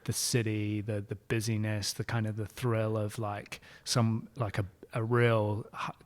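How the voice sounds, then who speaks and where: A man in his thirties, born in France and raised in England, Dubai and New Zealand, talks through a casual podcast interview in his shop, relaxed and rambling, with many fillers and restarts. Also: lowish voice, a little slow. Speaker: guest, shop owner.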